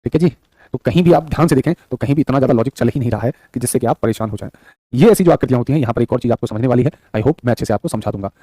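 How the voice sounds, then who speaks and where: Rapid-fire man teaching a live class. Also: medium pitch, mellow, no room sound. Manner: repetitive and affectionate, calls students son and brother; reads viewers' chat aloud. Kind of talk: live online exam-prep class. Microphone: studio microphone.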